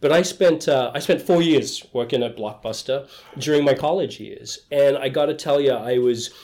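A middle-aged man with an Australian accent talks through his background as an interview guest. He speaks in a relaxed, enthusiastic way, with a voice of middling pitch. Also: normal speed. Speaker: guest, HR executive. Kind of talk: conversational interview.

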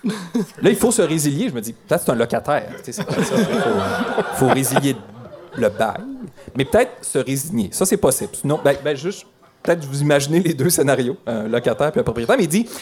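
A man's voice: mid-range voice, big pitch swings, brisk, a crowd in the background. A man with a Quebec French accent giving a humorous presentation to an audience, with ironic, playful asides.

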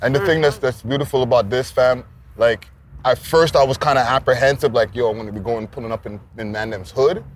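A man's voice: medium pitch, a little fast. A man hosting a casual, slangy interview. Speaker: host interviewer. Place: outdoors in a neighbourhood. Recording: faint outdoor background noise.

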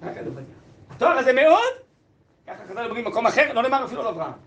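A man with a very high, lively voice leads a text-study lesson. He reads from the sources, turns them into plain speech and keeps asking the class questions. He sounds roomy and echoey, as if in a classroom. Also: muffled recording, slight background noise. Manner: asks the class questions, translates Aramaic aloud. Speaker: teacher.

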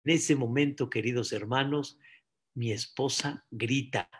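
Slow-preaching rabbi, man. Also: medium pitch. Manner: repeats phrases and addresses listeners as dear brothers. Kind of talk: sermon.

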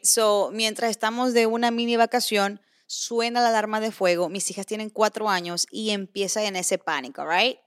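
A woman in her thirties co-hosting a casual talk show, a mother telling stories in an animated way and slipping English phrases into her speech. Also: medium pitch, moderate pace, hardly any pauses. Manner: mixes Spanish with English phrases; animated storytelling. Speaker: podcast co-host. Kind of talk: casual chat.

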